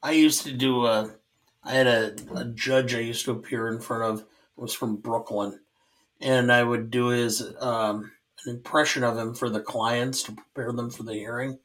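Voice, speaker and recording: A man's voice: medium pitch, fairly even intonation, moderate pace, a bit bright. A man co-hosting a casual film podcast, telling dry anecdotes. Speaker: podcast co-host.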